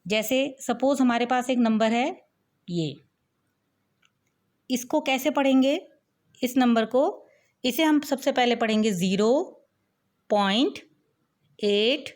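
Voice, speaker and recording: A woman teaching a maths lesson in a fairly high voice. She explains step by step and keeps turning questions back to the viewer.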